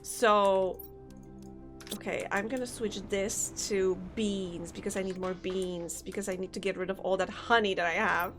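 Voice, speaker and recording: A woman streams a game at normal speed, her medium-pitched voice steady and a bit bright. She rambles, muses aloud, and chats with viewers in a casual way, her throat slightly sore, with faint game music in the background.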